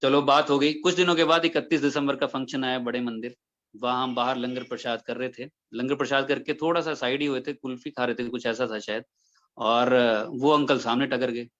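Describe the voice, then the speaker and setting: In a dull-sounding recording, a man with a mid-range voice talks fairly quickly as he relates a devotional experience at a satsang. He is a devotee who brings the story alive by voicing the dialogue, filling it with quotes.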